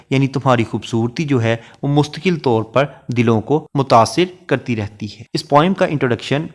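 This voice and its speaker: Measured male lecturer explaining poetry. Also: mid-range voice. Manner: reads English verse lines slowly, then explains in Urdu-flavoured Hindi. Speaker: literature lecturer.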